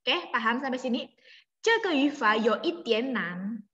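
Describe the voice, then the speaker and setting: A woman teaching a Mandarin class online, explaining slowly and closing phrases with little tag words. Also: a little high, animated, sharp tone. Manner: explains slowly, mixing languages, ends phrases with "ya" and "gitu". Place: home room on a video call. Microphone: laptop mic on a video call. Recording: roomy lo-fi video call audio.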